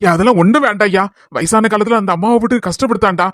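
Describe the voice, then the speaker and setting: A man's voice: high voice, fairly bright tone, no room sound, studio quality. A man voicing an elderly widowed village father who fusses fondly over his daughter and son-in-law in a family skit. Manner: fussy, doting, talks fast.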